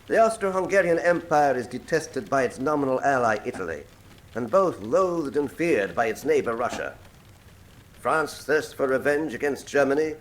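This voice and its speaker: An actor playing a suave, pompous criminal professor in a radio drama, speaking in eloquent, deliberate, menacing monologue. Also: male voice, medium pitch, expressive, a little hiss or hum, natural voice, low-quality recording. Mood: grandly lecturing. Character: suave, grandiose male criminal mastermind professor, coolly menacing.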